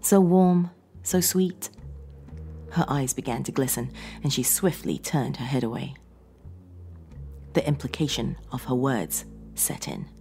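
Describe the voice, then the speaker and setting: A woman's voice: extremely low pitch, fairly even intonation, moderate pace, vocal fry, a little mellow, soft background music. A woman narrating a scripted horror story in a dramatic, suspenseful reading.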